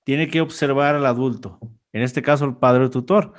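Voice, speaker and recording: A man's voice: medium pitch, steady tone, normal speed. A man hosting a podcast, reflecting aloud and tagging his points with questions. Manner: reflective, talks in asides ending in "¿no?". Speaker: podcast host. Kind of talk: conversational podcast interview.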